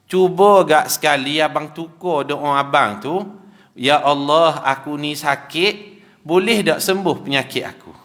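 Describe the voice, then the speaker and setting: An affectionate wife nudging her ailing husband, coaxing and warm in her teasing, as a male preacher acts her out mid-sermon. The voice sits slightly above his own, with a light, pleading lift. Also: low-pitched, measured pace.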